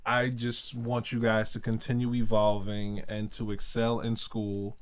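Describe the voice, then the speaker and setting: A man's voice: fairly low pitch, monotone, a little slow, clean tone. A man hosting a casual family podcast chat, giving earnest advice and getting passionate about it. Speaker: podcast host.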